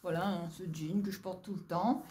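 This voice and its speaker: A woman's voice: lowish voice, steady tone, moderate pace, warm tone, a little hiss or hum. Woman from Réunion, casual fashion vlogger at home, chatty, lots of fillers and laughs. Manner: chatty, addresses viewers as "les filles", frequent fillers and laughs. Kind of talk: casual haul video chat. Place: home, her apartment.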